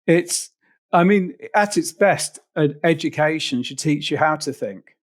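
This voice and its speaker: Guy hosting a podcast, slightly higher voice, stumbles a bit when asking stuff. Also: a little slow. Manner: hesitant, repeats words while asking questions. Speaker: podcast host. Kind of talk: conversational interview.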